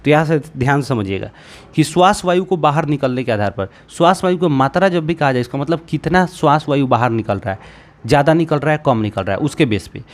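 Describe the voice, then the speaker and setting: A man's voice: fairly high pitch, animated, quick pace. A young man teaching a grammar lesson, explaining patiently step by step and checking in often with his students.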